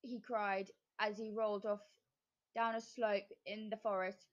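A woman reading a children's story aloud in a gentle, unhurried way. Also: mid-range voice, flat delivery, muffled recording.

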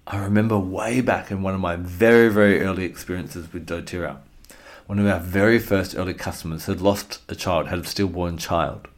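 A man giving an informal instructional talk as an educator, reflective and explanatory, speaking directly to the listener. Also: fairly low pitch. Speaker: essential oils educator.

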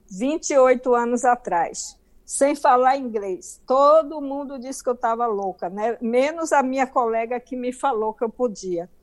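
A middle-aged Brazilian woman with a Brazilian Portuguese accent, telling her story emphatically as an interview guest. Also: sits high.

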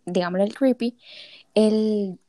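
A woman's voice: mid-range voice, a little slow, no echo. A young woman from Honduras, telling stories in casual chat and acting out the voices she quotes. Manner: animated storyteller, acts out quoted voices.

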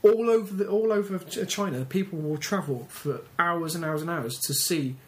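A man's voice: fairly high pitch, moderate pace. An English man co-hosting a casual comic chat, often stumbling and restarting his sentences. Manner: hesitant, stammering restarts. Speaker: podcast co-host.

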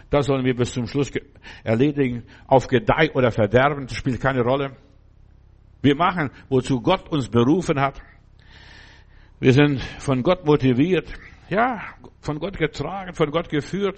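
A man preaching a fervent sermon, often asking his listeners "verstehst du" and swinging from low murmurs to loud outbursts.

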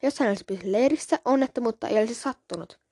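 A woman's voice: on the high side, dark tone, breathy edge, dry recording, studio quality. A woman voicing a cold, cruel she-cat mother in a storybook reading, speaking curtly and dismissively. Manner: curt, icy and dismissive. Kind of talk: audiobook reading.

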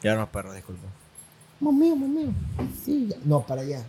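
A man's voice: fairly high pitch, wildly swooping pitch, normal speed, mellow, a little hiss or hum. A man, chatting casually as a podcast co-host. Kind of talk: casual chat.

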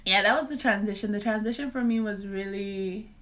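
A young woman from Zambia, a podcast guest in casual conversation, telling her life story in an animated way with frequent laughs. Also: medium pitch, a crowd in the background. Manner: animated storyteller, laughs often, quick asides.

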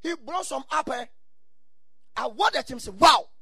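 A man's voice: very high-pitched, expressive, measured pace, creaky, pushed and bright, breathy edge, no echo, clean studio sound. A man with a Ghanaian accent preaching a sermon in exhorting, repeated short phrases, mixing English with Ghanaian Pidgin and Twi.

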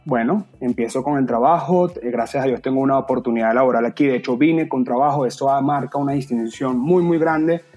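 A man's voice: medium pitch, darkish tone. A young Venezuelan man with a Venezuelan accent, talking earnestly and at length as a podcast guest. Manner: talkative, earnest, slips into playful voices. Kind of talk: casual podcast chat.

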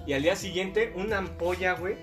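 A man with a Mexican Spanish accent tells stories in a loose, slangy podcast chat, full of fillers and lively asides. His voice sits a little high for a man. Faint music plays softly underneath. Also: brisk. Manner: slangy, animated anecdote-telling with many fillers. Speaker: podcast guest storyteller. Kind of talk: casual storytelling chat.

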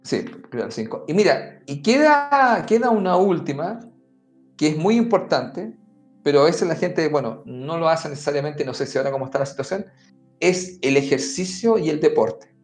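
A high-voiced man, very animated and at a normal speed, explains things conversationally as a podcast guest offering advice. He talks right to the listener, repeatedly dropping "mira" and "amigo." The sound is echoey and roomy, with faint music underneath.

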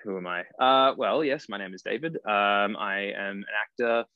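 Australian man, early thirties, guest actor: low voice, loose and rambling, dry lo-fi call sound. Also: moderate pace, clear, resonant tone, dry recording. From Cairns, far north Queensland, Australia. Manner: rambling, self-correcting, laughs at himself. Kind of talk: casual podcast interview. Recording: dry, dull lo-fi call audio.

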